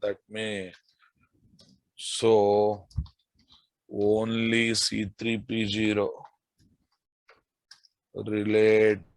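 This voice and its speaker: A man's voice: lowish voice, completely flat delivery, drawn-out words, pauses often, no echo, low-quality recording. A man with a Telugu Indian accent giving a live technical lecture as an instructor, repeating key phrases and checking in with his listeners. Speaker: programming instructor.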